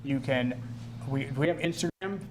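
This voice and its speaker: A man's voice: mid-range voice, moderate pace, slight background noise. A man hosting a live ministry talk show in a chatty, easygoing way, joking with his crew. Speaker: host.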